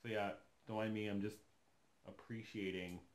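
There's little pitch movement in this man's lowish voice, and his pace is moderate. He's a doll collector vlogger in his thirties, sitting on his living room sofa and casually unboxing a doll while enthusiastically thinking aloud.

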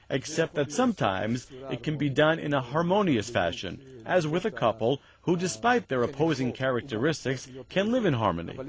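An older man born near the Latvian border, giving an earnest documentary interview in a museum exhibit room on a lapel mic. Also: mid-range voice. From Latvian border region.

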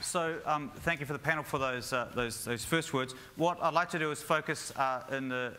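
A man's voice: medium pitch, moderate pace, noisy background. A man moderating a conference panel, posing questions and guiding the discussion.

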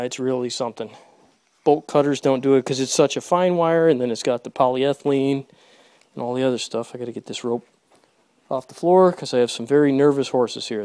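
While working on an electric fence inside a horse barn, a video creator gives casual running commentary, muttering to himself and his horses between steps. His voice is gravelly, mid-pitched, and a little mellow. It's captured first-person on a phone camera held close in the stall, in a dry recording.

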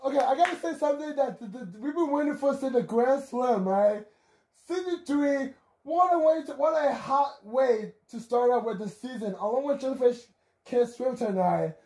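A man's voice: very high voice, lively intonation, moderate pace, a little mellow. A man hosting a watch-along stream, chatting casually and rambling with many restarts. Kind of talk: casual reaction chat.

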